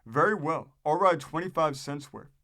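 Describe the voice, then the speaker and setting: A man's voice: fairly high pitch, animated, moderate pace, pushed and bright. A man voicing a haughty, penny-pinching literary woman, curt and haggling, in a storybook-style reading. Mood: curt, insistent.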